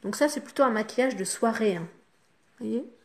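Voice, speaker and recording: A woman talks through a makeup tutorial. Her chat is relaxed and familiar, dotted with small filler words as she works. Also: a little high, brisk. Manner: chatty, talks the viewer through each step with fillers like "hop" and "voilà". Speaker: makeup vlogger.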